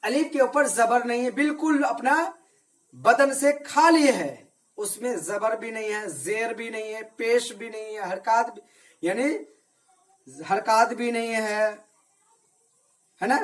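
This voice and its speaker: Man teaching kids a reading lesson. Patient and repetitive, quizzes his class and answers for them. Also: extremely high pitch. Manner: asks questions and answers them himself; slow, repetitive drilling. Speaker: religious teacher. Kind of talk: Arabic reading lesson for children.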